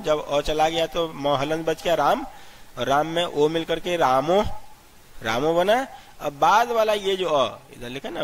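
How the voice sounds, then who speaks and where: Guy teaching grammar, slightly high voice, explains step by step, spells letters out one by one. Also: a little hiss or hum. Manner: explains step by step, asks and answers his own questions. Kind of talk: classroom-style grammar lesson.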